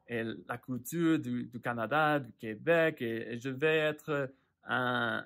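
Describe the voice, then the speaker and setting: A man learning French explains his reasons in a monologue, halting often and repeating words as he searches for them. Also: mid-range voice, fairly bright tone. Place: lives in the United States.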